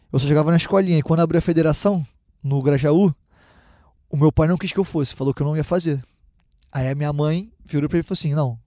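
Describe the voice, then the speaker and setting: Lively young man. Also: on the high side, dry recording, clean studio sound. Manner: lively storyteller with many restarts. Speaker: guest, professional footballer. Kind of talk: casual storytelling.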